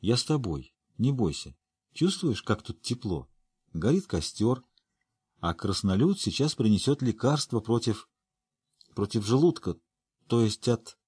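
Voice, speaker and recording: A man's voice: mid-range voice, sing-song, a little slow, a little mellow, husky, no room sound, studio quality, exaggerated voice. A man reading the lines of a proud, stubborn young girl who speaks earnestly.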